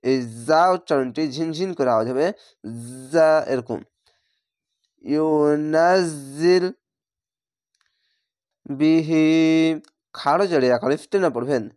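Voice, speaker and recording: Bengali guy teaching quran reading, slightly high voice, stretches each word out, dry close mic. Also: darkish tone, no echo. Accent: Bangladeshi Bengali. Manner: slow drawn-out recitation of words between explanations. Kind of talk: spelled-out Quran reading lesson.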